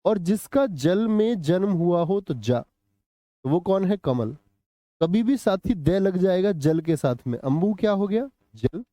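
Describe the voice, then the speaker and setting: Male teacher on a live exam-prep stream, keeps questioning the class; higher pitch, warm and mellow, dry room. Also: expressive, slow pace, dry recording. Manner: quizzes students with repeated questions, answers live chat. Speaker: Hindi teacher.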